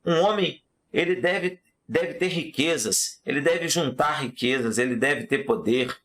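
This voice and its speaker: A man voicing an impatient, proud king in a storytelling lesson, talking in an excited, demanding way. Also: fairly high pitch, unhurried. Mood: commanding, amazed.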